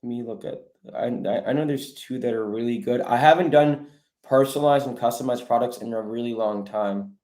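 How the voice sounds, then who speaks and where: A man hosting a livestream answers viewers briskly in a medium-pitched, slightly mellow voice, giving casual coaching to online sellers. He chats informally and keeps referring to them as bro and guys.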